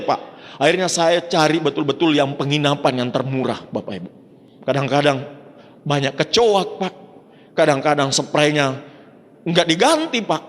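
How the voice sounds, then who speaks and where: A man from Indonesia giving a motivational testimony at a seminar, telling his story in an animated way and often turning to address the audience directly. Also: high voice. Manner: keeps addressing the audience as ladies and gentlemen; animated storytelling, voice rising with emotion. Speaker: seminar speaker. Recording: long hall reverb.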